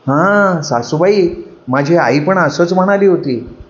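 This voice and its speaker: A man putting on a bubbly young bride from a village, her voice lifted high and bright with eagerness. She chatters in a girlish, innocent way. The storybook reading sounds roomy and a little dull. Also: measured pace, lightly acted. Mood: eager. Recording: roomy, slightly dull recording.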